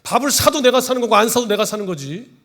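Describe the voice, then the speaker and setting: A man voicing an indignant older male senior pastor who scolds loudly and sharply. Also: extremely high pitch, animated, fast talker, pitched above the performer's own voice, heavily acted. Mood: angry scolding.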